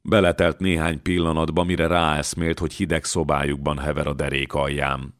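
A man reading a historical novel aloud as an audiobook narrator, measured and steady. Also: extremely low pitch, dry recording, clean studio sound. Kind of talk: scripted narration.

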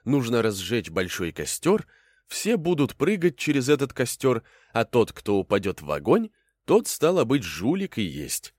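A man reads a fairy tale aloud with lively, expressive storytelling. His pitch rises and falls widely from line to line. The sound is dry, with no room echo. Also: moderate pace. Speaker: narrator. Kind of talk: storybook reading.

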